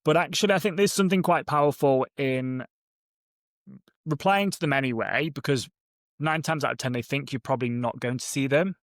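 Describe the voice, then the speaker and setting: A man's voice: mid-range voice, brisk, dry recording. Man chatting casually, dry close sound. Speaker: podcast guest and content creator. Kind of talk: casual conversational chat.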